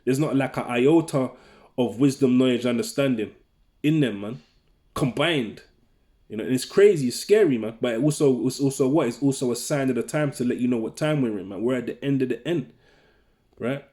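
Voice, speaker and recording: A religious teacher preaches informally, reading scripture and ending his lines with "man" and "right?". He has a medium-pitched, dark voice and a brisk pace.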